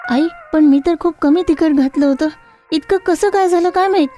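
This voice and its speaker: A woman's voice: extremely high pitch, normal speed, warm tone, faint music behind, pitched above the performer's own voice. A woman voicing a meek, devout young daughter-in-law in a cartoon story, pleading and apologetic.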